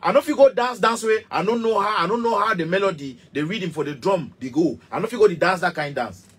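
The speaker is a thirty-something musician with a Cameroonian Pidgin English accent, ranting heatedly to camera in a small studio. His high-pitched voice is slightly rough and a little fast, and he speaks with passion, emphasis, repetition, and lots of gesturing.

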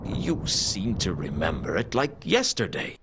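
An actor playing a hardboiled, dry and wry private detective in a noir video game. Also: male voice, sits low, big pitch swings, unhurried, heavy background noise, full character voice. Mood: dry, probing. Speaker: game character, detective and narrator.

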